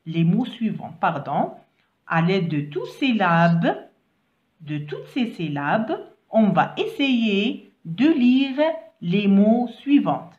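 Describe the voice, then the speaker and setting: Slow woman teacher spelling syllables. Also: medium pitch, sing-song, a little mellow, muffled recording. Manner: slow, drawn-out syllables, mixing French with Algerian Arabic asides. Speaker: primary school French teacher. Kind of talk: reading lesson, spelling out syllables.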